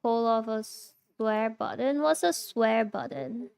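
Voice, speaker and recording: A woman's voice: on the high side, takes it slowly, creaky, a little mellow, smooth. A young woman streaming live, chatting casually with her viewers, reacting and laughing often while answering chat.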